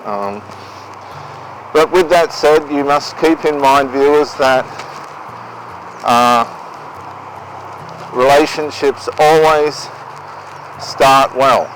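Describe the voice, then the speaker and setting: Aussie guy talking advice to camera, really slow and halting, bit of noise outside. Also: medium pitch, a bit bright, rough recording. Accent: Australian. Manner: deliberate, halting delivery. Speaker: vlogger giving relationship advice. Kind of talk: unscripted monologue to viewers. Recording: outdoor noise behind the voice.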